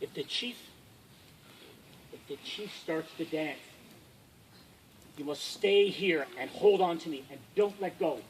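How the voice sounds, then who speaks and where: A man voicing a kind young boy who is really a goat kid, speaking in a hushed, urgent, reassuring way. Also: a little high, slow, long pauses, slight background noise, pitched below the performer's own voice, poor audio.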